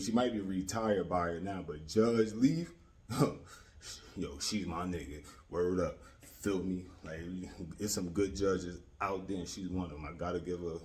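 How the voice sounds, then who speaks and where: A man's voice: low-pitched, a little mellow. An American man giving casual, opinionated commentary in a slangy, streetwise way, repeating himself for emphasis and often checking that the listener follows. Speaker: YouTube commentator.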